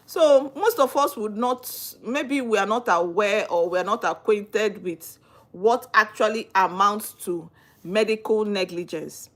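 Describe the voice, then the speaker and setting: A young adult Nigerian woman hosts a livestream on legal topics, answering viewer comments in an earnest, chatty way and posing rhetorical questions. Her medium-pitched voice is unhurried and fairly bright.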